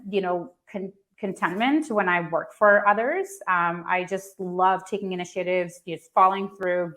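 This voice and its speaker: A woman's voice: on the low side, a bit bright. A woman in her thirties from Pakistan, telling her personal story at a startup event in a conversational way with lots of fillers and restarts. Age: 30s. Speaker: founder and speaker.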